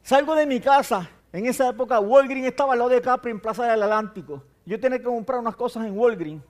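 An older male preacher with a notably high-pitched voice. He tells a personal testimony in a storytelling way, acting out the dialogue. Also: fast talker.

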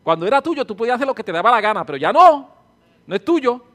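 A high-pitched man preaching. He sways between near-whispers and loud, fervent bursts, repeating his lines for emphasis and naming people in the congregation. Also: very animated, fast. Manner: fervent, repetitive, swings from hushed to loud; calls out listeners by name. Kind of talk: sermon and spoken prayer.

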